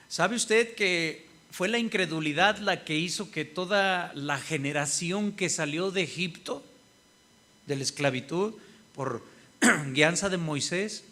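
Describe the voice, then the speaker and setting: A man preaches to his congregation in a fairly high voice. He often asks them "¿sí?" and slips into the voices of the people he quotes. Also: sharp tone. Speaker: pastor. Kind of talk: sermon.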